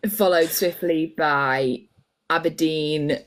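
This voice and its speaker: A woman's voice: deep voice, steady tone, slow. A woman co-hosting a casual podcast chat, giggly and teasing, guessing aloud. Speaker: podcast co-host.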